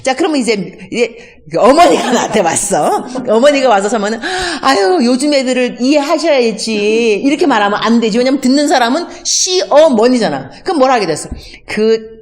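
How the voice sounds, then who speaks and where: A woman's voice: fairly high pitch, quick pace, hardly any pauses. A woman missionary giving a conversational teaching talk, acting out everyday dialogues and mixing in English words. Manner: acts out everyday dialogues in lively voices.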